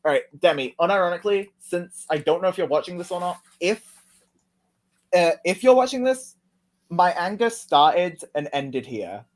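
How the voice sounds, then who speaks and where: A man's voice: sits high, expressive, moderate pace, hardly any pauses. Sarcastic, heated young man reading tweets. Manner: sarcastic, heated, swears a lot. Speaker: commentary video host. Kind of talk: casual commentary reading tweets.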